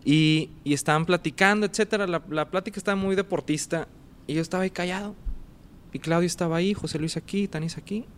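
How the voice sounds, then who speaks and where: A man's voice: high-pitched, fast, slight background noise. A man, casually telling a personal story as a guest and acting out the dialogue and sounds. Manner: animated, acts out dialogue and sounds.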